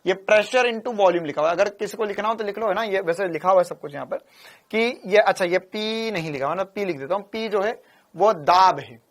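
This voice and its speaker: A man's voice: high-pitched, brisk, a bit bright. A man from India teaching physics in a lecture style. He is playful and repeats phrases in a rhythmic way.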